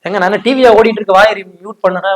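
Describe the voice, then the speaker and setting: A man's voice: sits high, steady tone, fast. A man, pulling a hidden-camera prank as a fussy salon customer who nags and picks arguments. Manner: loud, nagging, picks arguments.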